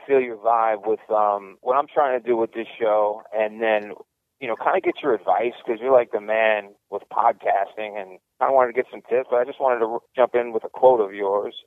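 A man hosting an interview over a collect call from a prison payphone, talking casually and haltingly with lots of fillers. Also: on the low side, no echo. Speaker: podcast host and prisoner. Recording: muffled, dry phone line with faint music.

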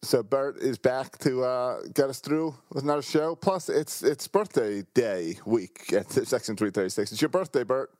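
Male co-host, average-pitched voice, casual chat, dry teasing, very dry studio-like sound. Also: moderate pace, hardly any pauses, darkish tone, no echo. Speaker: podcast co-host.

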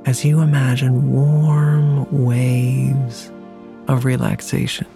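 A meditation host guiding a relaxation hypnosis in a soothing, deliberate way with long pauses. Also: medium pitch, little pitch movement, vocal fry, warm tone. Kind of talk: slow guided relaxation hypnosis narration. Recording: music playing behind the voice. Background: music.

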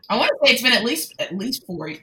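A woman's voice: a little high, big pitch swings, quick pace, pushed and bright, rough recording. A woman co-host asking long, enthusiastic questions in a podcast interview. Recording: faint background noise.

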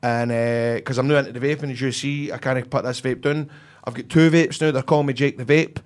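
A man's voice: medium pitch, fairly even intonation, brisk. A man with a broad Scottish accent telling a colloquial, sweary anecdote as a podcast host, acting out bits of dialogue in casual chat.

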